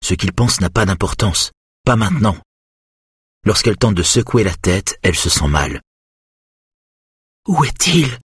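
Deep, husky male narrator. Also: animated, moderate pace, fairly bright tone, no room sound, clean studio sound. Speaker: audiobook narrator. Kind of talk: scripted narration.

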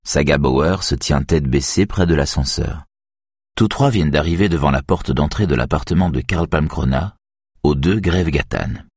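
A male audiobook narrator with an extremely deep, husky voice, reading steadily and evenly. The recording is close and dry, with no room sound. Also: moderate pace, a little mellow, no echo. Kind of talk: scripted narration.

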